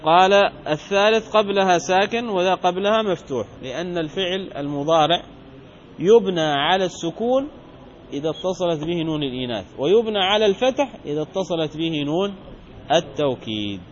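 A man teaching Arabic grammar in a lesson, drilling examples by slowly repeating words and asking questions he then answers himself. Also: high voice, lively intonation, muffled recording, a little hiss or hum. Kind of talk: classroom lesson explaining grammar.

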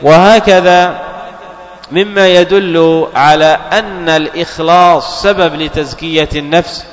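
A man giving a religious lesson, explaining texts in a measured way, repeating key phrases and half-chanting quotations. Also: a little high, steady tone. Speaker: Islamic scholar teaching. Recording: long hall reverb.

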